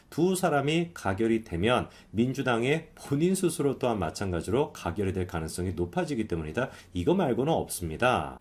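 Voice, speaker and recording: A man's voice: a little high, a little mellow. A man hosting a live political commentary stream, talking in a sarcastic, emphatic way and asking himself rhetorical questions.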